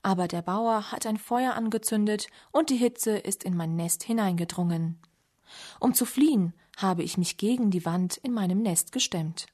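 A woman's voice: medium pitch, a little mellow, close to an everyday voice. A woman reading the part of a sly snake in a German fable, in a plain storybook voice. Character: sly trapped snake, pleading then ruthless.

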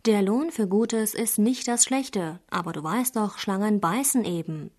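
A woman's voice: mid-range voice, measured pace, a little mellow, natural voice. A woman reading the part of a sly snake in a German fable, in a plain storybook voice. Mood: matter-of-fact. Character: sly trapped snake, pleading then ruthless.

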